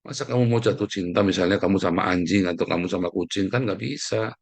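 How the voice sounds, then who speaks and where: A man's voice: low voice, quick pace, gravelly, husky, no room sound. A man preaching, his delivery emphatic and conversational as he keeps turning to his listeners. The sound is dry and close, with little room around it. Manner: emphatic, addresses listeners as "saudara". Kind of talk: sermon.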